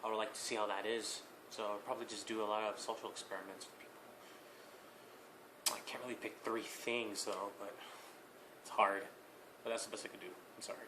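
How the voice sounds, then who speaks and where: A young man answering viewer questions in a casual vlog, hesitant, with many fillers, pauses and small laughs. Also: lowish voice, flat delivery, bright, forceful tone, a little hiss or hum.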